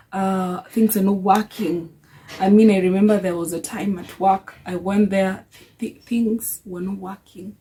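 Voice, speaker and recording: A woman's voice: medium pitch, mellow, low-quality recording. Earnest young woman sharing faith reflections. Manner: earnest, storytelling with many restarts. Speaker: faith vlogger. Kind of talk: personal reflection.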